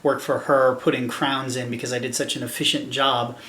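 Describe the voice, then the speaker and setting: A man's voice: medium pitch, flat delivery, a little fast, bright, forceful tone, reverberant. American man, slightly lisping after dental work. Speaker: vlogger. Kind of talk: casual vlog talk to camera. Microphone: camera microphone.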